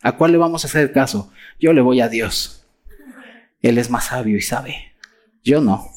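A preacher with a Mexican accent, delivering a sermon in an animated way and acting out mocking quotes of others. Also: medium pitch, unhurried. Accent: Mexican Spanish.

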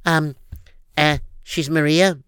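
A man plays a young woman who halts and fumbles for words, in a bright, clear voice. The delivery is full of fillers and restarts. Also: on the high side, steady tone, no room sound, clean studio sound. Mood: earnest. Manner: halting, many fillers. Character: hesitant young woman hiding her identity.

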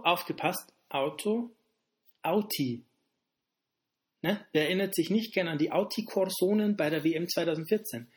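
Man joking through a mock lesson. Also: high-pitched. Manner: playful deadpan joking with asides. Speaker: comedic host.

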